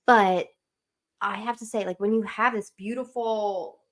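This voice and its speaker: A woman with a South Jersey accent chatting casually on a podcast about her husband's hobby, playful and quick to laugh. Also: mid-range voice, fairly even intonation, fairly bright tone. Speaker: podcast guest, host's wife. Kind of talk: casual chat.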